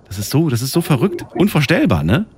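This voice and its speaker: A man's voice: a little high, a little fast, a little hiss or hum. A man hosting a casual talk, musing thoughtfully and steering the conversation. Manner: reflective, animated talker who leads the conversation. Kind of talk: casual chat.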